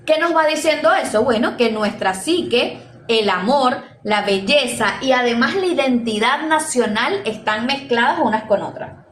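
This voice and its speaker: A woman's voice: fairly high pitch, animated, normal speed, a bit bright. A woman with a Venezuelan Caribbean Spanish accent gives an informal lecture as a teacher, conversational and hesitant, often rephrasing and checking in with listeners. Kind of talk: informal lecture, explaining to students. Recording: echoey room with faint background noise.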